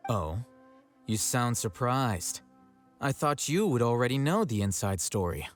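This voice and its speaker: A man's voice: medium pitch, very animated, unhurried, soft background music. An actor playing a cool, sardonic young male scribe in a video game, dry and teasing.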